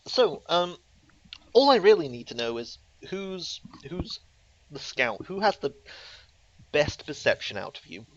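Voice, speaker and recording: A man's voice: fairly high pitch, very animated, measured pace, a little hiss or hum. A man narrating a tabletop game as game master, rambling and self-deprecating with many fillers, on a slightly muffled recording.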